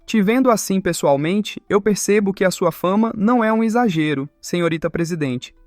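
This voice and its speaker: A man's voice: high-pitched, normal speed, no room sound, faint music behind, close to an everyday voice. A man playing a courteous, formal retired old school director.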